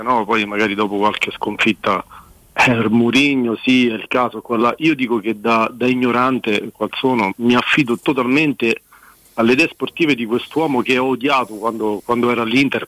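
A man's voice: medium pitch, steady tone, fairly quick, a bit bright, no room sound, rough recording. Man calling in to a radio show. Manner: talkative, earnest, a little aggrieved. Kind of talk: casual call-in chat about football.

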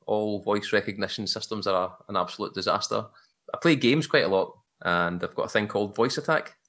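A man with a thick Glaswegian accent chatting casually in a podcast conversation, relaxed and quick to laugh. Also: fairly low pitch. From Scotland.

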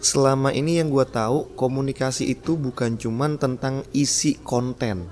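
A man's voice: medium pitch, fairly even intonation, moderate pace, darkish tone. A man talks through his podcast in a loose, friendly way. He is chatty and laughs often, and he keeps showing how a line sounds with different stress. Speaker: podcast host. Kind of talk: casual talk about public speaking.

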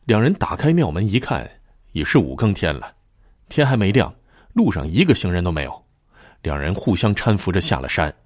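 A man narrating a ghost story in a dramatic, expressive storyteller style. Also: sits low, moderate pace, dry recording, clean studio sound.

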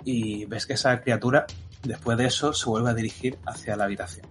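A man narrates a horror tabletop game as game master, walking through each scene steadily with frequent hesitant fillers. His voice sits at an ordinary middle pitch. Clear music plays throughout behind him. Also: brisk. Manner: descriptive, steady, full of fillers. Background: background music.

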